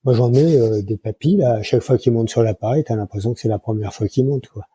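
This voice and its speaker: A man's voice: medium pitch, fast, mellow, husky, no room sound. A man in his sixties, a flight instructor, telling colloquial anecdotes in a casual interview with many fillers. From France. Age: 60s. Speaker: guest, microlight flight instructor.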